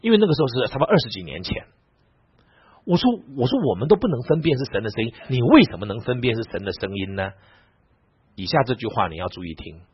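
A man preaching, telling a personal story in an animated way and retelling dialogue with lively asides. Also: medium pitch, quick pace, husky. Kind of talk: storytelling sermon. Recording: dull lo-fi recording, dry.

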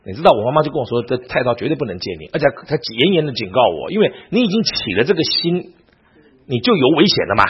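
A husky-voiced man leads a Bible class like a sermon, his pitch rising and falling with lively emphasis. He keeps checking in with rhetorical questions to the room. The recording is dull and lo-fi. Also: fast talker. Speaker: Bible teacher. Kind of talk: teaching sermon.

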